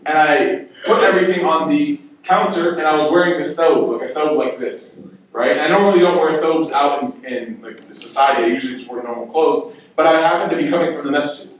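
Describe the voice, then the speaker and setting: A man's voice: on the high side, brisk. A young man, an imam, giving a Friday sermon in a mosque, telling stories and often asking "right?" to the listeners. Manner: storytelling, acts out quoted voices, asks rhetorical "right?". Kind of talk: sermon with storytelling. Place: mosque prayer hall. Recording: very echoey hall, mic at a distance.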